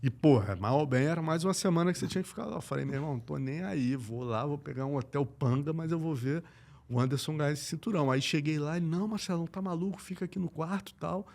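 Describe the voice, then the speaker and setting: A man from Brazil, an MMA journalist, telling stories in a lively, slangy way on a casual podcast. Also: fairly high pitch, fast, creaky. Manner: animated, slangy, acts out quoted voices.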